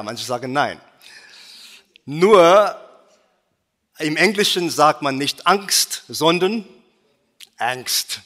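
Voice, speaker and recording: Slow, halting preacher man in a reverberant church. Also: medium pitch, fairly bright tone. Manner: halting, with many fillers and restarts. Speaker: guest preacher. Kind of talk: sermon. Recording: long church-hall reverb.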